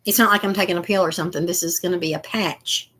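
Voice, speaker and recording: A woman's voice: on the low side, fairly even intonation, quick pace, fairly bright tone. An older woman chatting casually and rambling to viewers as she unboxes craft supplies. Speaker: crafting vlogger.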